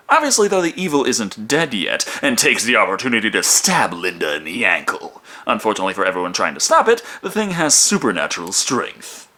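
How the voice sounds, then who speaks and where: A man with a bright, forceful voice and very lively intonation delivers comedic review narration. He is sarcastic and swears freely, often feigning hesitation. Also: a little high. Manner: sarcastic, profane, mock-hesitant. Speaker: film reviewer.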